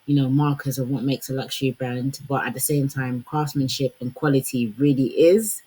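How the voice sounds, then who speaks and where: Woman with a husky, conversational voice. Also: a bass voice, steady tone, normal speed, warm tone, poor audio. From Congolese heritage. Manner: conversational, lots of fillers like "like" and "you know". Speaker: fashion commentator. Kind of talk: casual commentary to camera.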